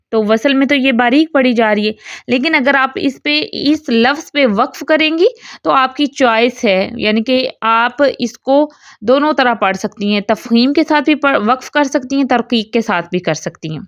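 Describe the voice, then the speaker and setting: A woman teaching a recitation lesson who explains step by step, checks understanding often, and slowly chants the example words. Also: high-pitched, a bit bright, no room sound, lo-fi sound. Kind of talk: tajweed lesson in Urdu.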